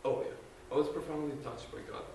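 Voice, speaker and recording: With a slightly high, mellow voice and fairly even intonation, a young man from Guatemala talks fast as he gives his faith testimony as a student, earnest yet hesitant, with many fillers and restarts. A distant recorder, no mic, picked him up in a large, echoey room full of listeners, leaving a little hiss or hum.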